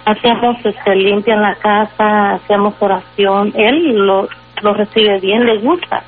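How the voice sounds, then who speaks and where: A woman tells a personal faith testimony on call-in radio, in an earnest, halting way with frequent fillers. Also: mid-range voice. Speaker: guest sharing a faith testimony. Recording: tinny phone line with faint music.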